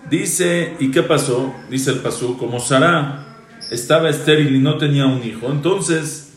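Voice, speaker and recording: A male rabbi gives a Torah class at a mid pitch. He quotes old texts, then translates and repeats key phrases as he explains. His voice rings with a roomy echo. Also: a little slow.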